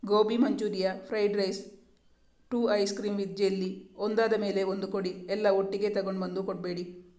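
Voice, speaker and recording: A storyteller voicing a gentle, doting young male doctor who coaxes and soothes, in a flat, even tone. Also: sits high, a little slow. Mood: ordering food. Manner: soothing, coaxing.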